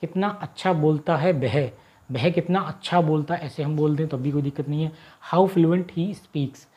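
A man teaching a grammar lesson, patiently repeating his example sentences and saying them slowly and drawn out before explaining them more briskly. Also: fairly high pitch, fairly even intonation, darkish tone.

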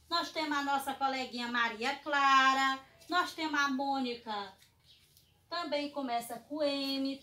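Brazilian preschool teacher, woman, bright high voice, slow drawn-out sing-song delivery, echoey room, distant mic. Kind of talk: online class for small children.

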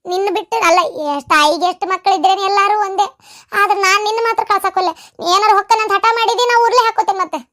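Voice actor doing a frantic cartoon village mom, north karnataka accent, super high and bright, begging her son. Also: quick pace. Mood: pleading. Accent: North Karnataka Kannada. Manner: pleading, insistent. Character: worried village mother pleading with her only son. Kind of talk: cartoon voice acting.

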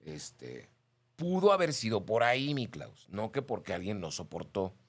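A man with a Mexican Spanish accent, hosting a radio show and chatting casually while reading listener messages, gossipy and animated. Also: on the low side, measured pace, husky. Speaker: radio host.

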